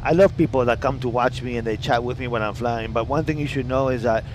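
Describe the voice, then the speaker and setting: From his home flight simulator room, an Italian man with a native accent chats on a live stream, reading chat messages out loud and answering in a blunt, heavily profane way. He speaks quickly in a mid-range voice, and the low-quality recording carries a little hiss or hum.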